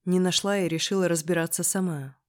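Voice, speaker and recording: Audiobook narrator, first-person, scripted, lively, expressive. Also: medium pitch, fairly quick. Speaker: audiobook reader.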